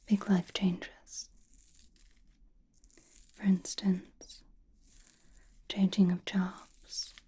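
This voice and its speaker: Woman whispering as the Scarlet Witch, breathy, slow. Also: medium pitch, exaggerated voice. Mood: calm, attentive. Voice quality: breathy, mostly unvoiced whisper. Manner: slow, deliberate, soothing with soft pauses. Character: mysterious, attentive female sorceress fortune-teller. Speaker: ASMR performer. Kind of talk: whispered ASMR roleplay. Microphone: close-up ASMR microphone.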